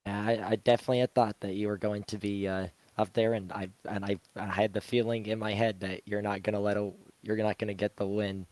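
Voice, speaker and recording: A man's voice: on the low side, flat delivery, brisk, few pauses, darkish tone, no room sound, low-quality recording. A man with a sick voice, co-hosting a race broadcast and asking rambling questions.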